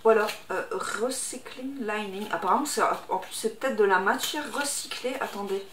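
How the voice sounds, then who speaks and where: A woman's voice: medium pitch, fairly quick. A woman vlogger chatting to camera at home while unboxing, hesitant and full of fillers. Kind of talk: casual chat to camera. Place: room at home, indoors. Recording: echoey room with background noise.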